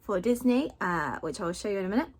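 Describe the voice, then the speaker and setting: A woman vlogging straight into her phone, her voice picked up by its built-in mic at arm's length. She chats loosely and rambles, dropping in plenty of fillers, at an everyday middle pitch. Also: expressive, fast talker. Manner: chatty, rambling, with frequent fillers. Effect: phone video recording. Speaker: family vlogger. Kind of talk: casual chat to camera. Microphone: phone held at arm's length.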